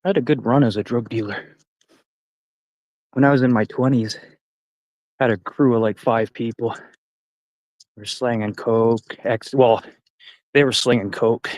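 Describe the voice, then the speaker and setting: A man's voice: medium pitch, steady tone, moderate pace, long pauses, darkish tone, dry recording, low-quality recording. A Canadian man in his forties rambling casually and profanely on a live stream while hiking a forest trail. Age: 40s.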